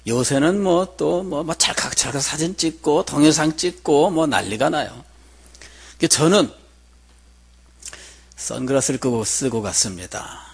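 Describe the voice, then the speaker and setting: A man's voice: a little high, measured pace, vocal fry, pauses often, breathy edge. A middle-aged man preaching a sermon as pastor, telling a personal story in a conversational way and asking the congregation questions.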